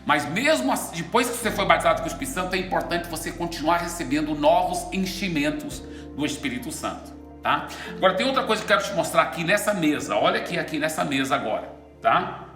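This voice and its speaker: A man preaching and teaching with a glass of water as an object lesson, animated and often checking in with his listeners. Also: a little high, fast. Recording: echoey room with soft music.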